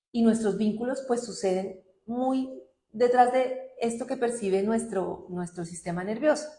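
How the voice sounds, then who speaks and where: Middle-aged woman, guest speaker, expressive talk with bursts of high quoted voices, slightly high pitch, reverberant room. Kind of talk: conversational talk.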